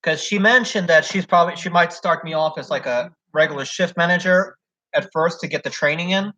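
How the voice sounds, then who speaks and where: A man's voice: fairly high pitch, fairly quick, bright, forceful tone. A young man in casual chat, retelling a job situation at length with lots of "like" and "so". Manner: rambling retelling full of "like" and "so". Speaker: job applicant telling a story. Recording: dull lo-fi recording.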